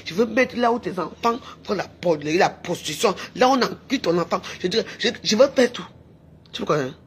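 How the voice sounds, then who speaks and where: A woman's voice: mid-range voice, expressive, brisk, a little hiss or hum. Woman ranting angrily. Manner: heated, taunting, repetitive shouting. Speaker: social media personality. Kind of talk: angry insulting rant to camera.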